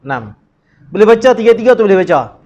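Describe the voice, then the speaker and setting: A man with a Malaysian Malay accent teaching Quran recitation in a class, drilling syllables and chanting verses slowly. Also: high-pitched, big pitch swings, darkish tone, lo-fi sound. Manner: drills sounds by repeating syllables, asks the class questions.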